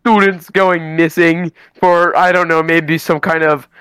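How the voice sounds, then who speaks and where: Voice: medium pitch, flat delivery, unhurried, fairly bright tone, clear, resonant tone, no echo. A player speaking in character at a tabletop game, rambling eagerly about conspiracies.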